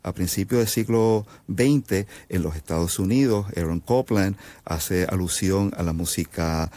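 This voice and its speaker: Deep-voiced Puerto Rican composer explaining. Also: male voice, measured pace, warm tone, no echo. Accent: Puerto Rican Spanish. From Puerto Rico. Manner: thoughtful, many fillers and restarts. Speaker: composer guest. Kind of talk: radio interview, explaining.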